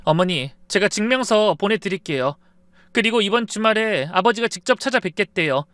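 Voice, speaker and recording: A man voicing an evasive, polite young fiancée who talks softly and apologetically in a story. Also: high voice, animated, brisk, clean tone, no room sound, pitched above the performer's own voice. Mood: earnest. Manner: soft, pleading, apologetic.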